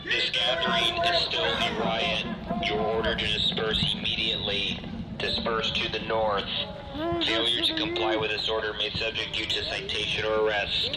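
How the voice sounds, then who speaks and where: Man, police officer, sound cannon loudspeaker, firm formal warnings, deep-ish voice, echoey. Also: very animated, a loud crowd, very noisy. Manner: firm, measured, formal commands. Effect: blasted through a loudspeaker sound cannon. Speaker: police officer giving dispersal orders. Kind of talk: repeated official riot warning. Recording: echoey loudspeaker blast outdoors, street.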